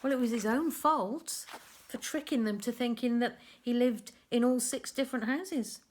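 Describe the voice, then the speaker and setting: Reading a picture book to young children, a woman with a fairly high voice leans on words with deliberate, expressive emphasis. She pauses for chatty asides about what's shown on the pages.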